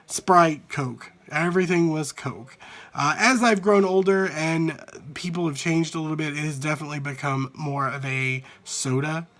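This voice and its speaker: A man from the American South with a Southern accent, chatting casually and unscripted into a handheld phone, rambling a little and sounding out words deliberately. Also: on the high side, a bit bright. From Southern United States. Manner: repeats single words slowly to demonstrate pronunciation, rambling. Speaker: vlogger answering an accent challenge. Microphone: handheld phone at arm's length.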